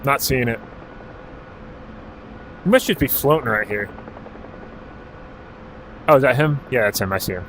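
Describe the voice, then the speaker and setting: Male streamer from Alaska, average pitch, easygoing chat with terse command callouts and casual swearing. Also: expressive, a little slow, long pauses, a bit bright, slight background noise, poor audio. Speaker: game streamer. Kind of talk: casual live-stream chat while playing.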